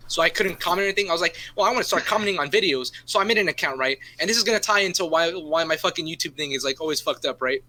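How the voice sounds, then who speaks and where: Bright-voiced young guy rambling, swearing. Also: on the high side, expressive, racing, few pauses. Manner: rambling, swears a lot, keeps adding "right?". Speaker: podcast co-host. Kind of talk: casual chat.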